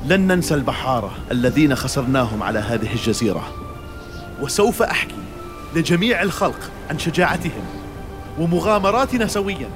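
A spirited, crafty adventurer, played by a man in a children's audio story. The voice is high for a man and swings theatrically, declaiming over a music bed. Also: lively intonation, a little fast, lightly acted. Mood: resolute. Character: cunning, spirited adventurer sailor, male hero.

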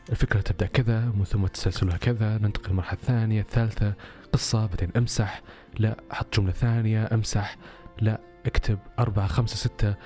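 Man, podcast storyteller, low dark voice, quick casual delivery, faint music behind. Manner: casual, conversational, with rhetorical questions. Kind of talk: personal storytelling.

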